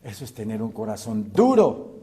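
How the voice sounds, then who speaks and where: A man preaching a sermon as pastor, asking the congregation rhetorical questions and swinging between loud and hushed delivery. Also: lowish voice, sing-song, moderate pace, slightly rough.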